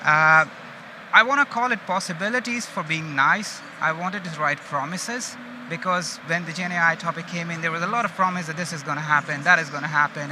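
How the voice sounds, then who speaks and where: On an open stage amid a busy exhibition, an Indian conference speaker who manages data engineering talks informally with an Indian accent and a voice on the high side. He keeps checking in with his listeners, and the recording carries loud background noise from the event hall.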